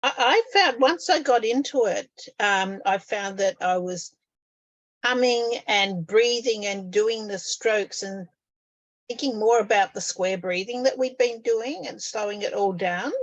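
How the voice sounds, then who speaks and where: A woman in an art workshop, calmly describing feeling present. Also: mid-range voice, a little slow, dry recording, lo-fi sound. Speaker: workshop participant. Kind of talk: casual group discussion.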